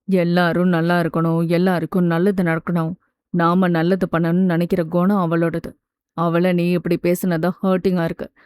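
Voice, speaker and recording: A woman voicing a calm, caring young man who reassures a close friend in an audiobook. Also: fairly low pitch, normal speed, clear, resonant tone, no room sound, pitched below the performer's own voice, natural voice. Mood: soothing. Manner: steady, gently reassuring. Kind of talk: audiobook character voice.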